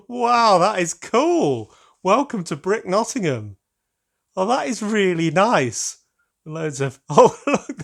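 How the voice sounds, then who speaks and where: A man's voice: a little high, a little hiss or hum. A British man hosting his own channel, chatting casually and gushing with delight as he unboxes a gift, full of rambling asides. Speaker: LEGO channel host.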